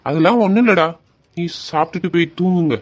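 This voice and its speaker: A performer voicing a caring older brother who softly reassures his younger sister in an amateur audio drama. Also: mid-range voice, fast talker, lightly acted. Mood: reassuring. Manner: soft, reassuring, affectionate.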